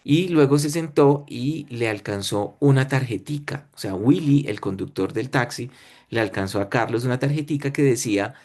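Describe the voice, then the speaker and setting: A man's voice: mid-range voice, moderate pace, darkish tone. Colombian man telling a story. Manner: talks in short phrases, often checks in with listeners ("¿sí?", "imagínense"). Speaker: webinar speaker. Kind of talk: storytelling lecture.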